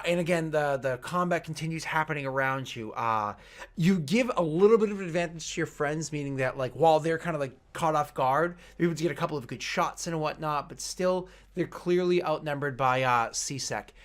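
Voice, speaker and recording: A man narrating a tabletop game as game master, casual and improvised, in an animated storytelling way. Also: on the high side, fairly quick. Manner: animated storytelling with vocal sound effects.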